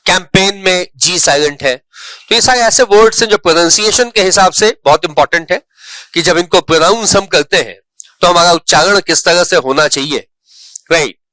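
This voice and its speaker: Man, online English lesson, high pitch, dry close sound. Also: pushed and bright, no room sound. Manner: explains slowly, repeats words, checks in with "right". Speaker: English teacher. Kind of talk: online lecture on spelling.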